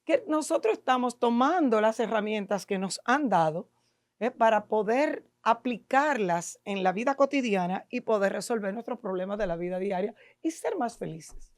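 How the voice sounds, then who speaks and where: A middle-aged woman with a Dominican Spanish accent speaks as a guest expert in neuro-linguistic programming on a podcast interview, explaining emotions to the audience. Her mid-range voice has lively intonation at a normal speed, and she lectures emphatically, full of rhetorical questions. The recording has no room sound.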